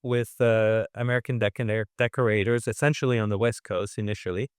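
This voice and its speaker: A restaurant owner who grew up in France, with French as his first language, tells his story as a guest in a casual interview chat. His smooth, resonant voice is fairly low and steady, measured but full of fillers, pauses and restarts. The sound is dry and close, with no echo.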